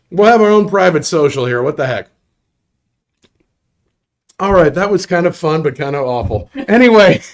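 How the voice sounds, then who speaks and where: High-voiced jokey male giveaway host. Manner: jokey and upbeat, with chuckles and asides. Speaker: host of a bar prize giveaway show. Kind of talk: casual live-show hosting.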